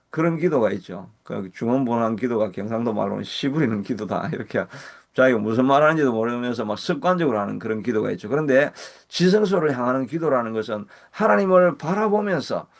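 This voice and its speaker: A man pastor with a Gyeongsang Korean accent preaching a sermon, earnest, slowing and rising in pitch when he voices prayers. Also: creaky. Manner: earnest, slows and rises when voicing prayers. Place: church service.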